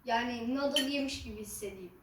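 A woman chatting casually to viewers as an eating vlogger, halting and unhurried, with some drawn-out words. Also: a little high. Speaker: mukbang ASMR vlogger. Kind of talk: casual chat to camera while eating. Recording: roomy echo, distant mic, faint noise.

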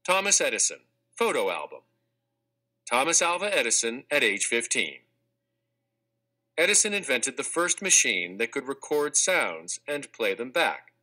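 A male audiobook narrator with a medium-pitched voice reads a children's textbook aloud. His scripted delivery is clear, measured and expressive.

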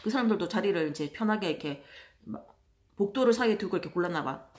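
A woman telling stories in a casual monologue, chatty and exasperated, acting out other people in loud voices. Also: mid-range voice, lively intonation, fast talker. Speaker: vlogger.

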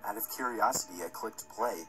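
Low-voiced man narrating over music. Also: fairly quick, poor audio. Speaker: horror story narrator. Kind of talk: scripted first-person horror narration.

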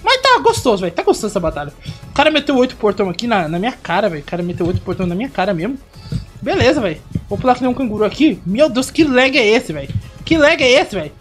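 A woman giving excited gameplay commentary, teasing opponents and repeating her phrases. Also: a little high, rapid-fire, soft background music. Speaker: gaming channel host.

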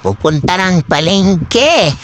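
On a noisy city street with vehicles passing, a middle-aged Filipina vlogger walks and chats casually, holding her phone at arm's length. She's very animated but slow, repeating short phrases, and a voice changer makes her sound like a man.

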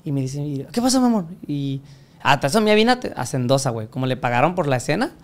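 A man's voice: on the high side, big pitch swings, quick pace. A young Mexican man, a podcast guest, telling crude stories full of profanity and acting out the voices of people he quotes. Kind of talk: casual storytelling interview.

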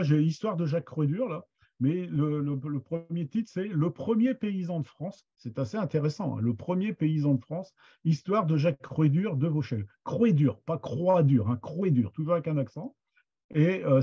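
A man giving an informal lecture on books and their authors, pausing often with fillers and restarts. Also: fairly high pitch, dark tone, slightly rough. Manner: hesitant, many fillers and restarts. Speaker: lecturer on Picard literature. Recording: dull lo-fi sound.

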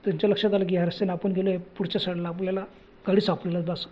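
A man's voice: sits high, flat delivery, rapid-fire, lo-fi sound. A man telling a horror story in a dramatic, exclamatory way.

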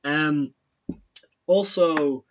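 A man's voice: on the high side, drawn-out words, muffled recording, slight background noise. A man co-hosting a casual film review chat, with dry, wry asides.

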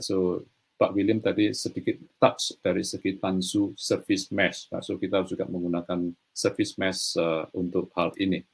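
His voice is lowish with a breathy edge: a middle-aged man delivering a virtual conference keynote from a small room via webcam. He keeps hesitating and restarting, dropping in "eh" and a steady stream of "right, so."

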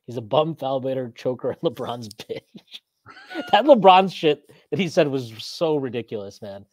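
A podcast host in his thirties, with a very animated, slightly mellow medium-pitched voice at normal speed, runs a casual postgame sports chat on a video call. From a small indoor room on a webcam mic, he rambles, reads out viewer comments and laughs often.

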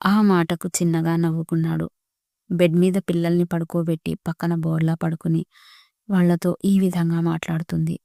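A woman reading a romantic story aloud as narrator, speaking all the characters' lines in a steady, even reading voice. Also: on the low side, normal speed, vocal fry, no echo, studio quality.

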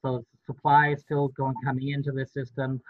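A man's voice: mid-range voice, completely flat delivery, no room sound. Middle-aged man lawyer on a tinny call. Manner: explanatory, measured, frequent fillers. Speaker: real estate lawyer. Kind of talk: panel discussion on a video call. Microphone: video call. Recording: dry, tinny phone-like line.

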